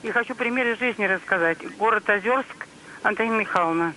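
A woman's voice: medium pitch, a little fast, over a noisy crowd. A woman calling in to a TV show over the phone, telling a personal story earnestly and plainly, acting out the dialogue she retells. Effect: heard over a phone line on air. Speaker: caller to a TV call-in show. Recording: phone call aired on a broadcast.

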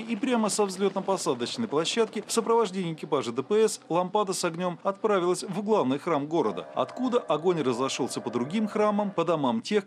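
A man's voice: high-pitched, a little hiss or hum. A man narrating a scripted television news report as the reporter.

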